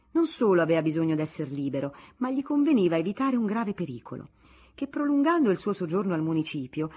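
A woman narrating a classic novel for a radio audiobook in an expressive, theatrical reading. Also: medium pitch, breathy edge.

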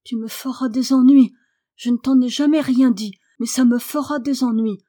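A woman's voice: fairly high pitch, normal speed, mellow, natural voice. A woman voicing a fretful young housemaid, worried and pleading.

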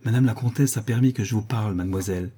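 Anxious prince in an audiobook, guy reading him, muffled and mellow. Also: on the low side, rapid-fire, husky. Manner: hesitant, subdued. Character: anxious nervous male prince, middle-aged suitor.

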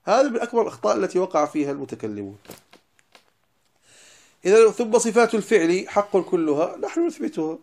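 Fast, emphatic male religious teacher. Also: sits high, very animated, vocal fry. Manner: emphatic, stresses single words then drops to quiet asides. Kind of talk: lecture explaining a didactic poem.

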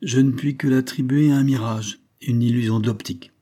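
A man's voice: medium pitch, fairly even intonation, normal speed, warm tone, pitched above the performer's own voice, close to an everyday voice. A man voicing a weary, troubled male doctor testifying in court, speaking in a dull, reluctant way in an audiobook reading.

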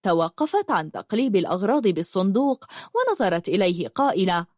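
Expressive woman reading a novel aloud. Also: medium pitch, fast, dry recording, clean studio sound. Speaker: audiobook narrator. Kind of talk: scripted narration.

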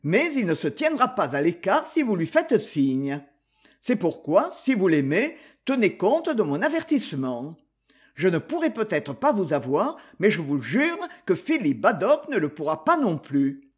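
A man's voice: sits high, very animated, unhurried, breathy edge, heavily acted. A man voicing a sullen, threatening rejected suitor in an audiobook. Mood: menacing, bitter. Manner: sullen and menacing. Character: jealous, threatening spurned male suitor.

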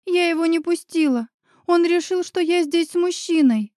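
A heartbroken young woman on the edge of tears, voiced by a female narrator, speaking in a raised, soft-edged tone. The sound is close and dry. She sobs between her words, resigned and bitter. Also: very high-pitched, moderate pace, no echo, pitched above the performer's own voice. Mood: tearful. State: sobbing.

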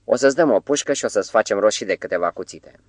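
A man's voice: on the low side, lively intonation, no room sound, close to an everyday voice. A man reading the lines of a stern leader of a mountain band, in a curt, commanding way. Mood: matter-of-fact.

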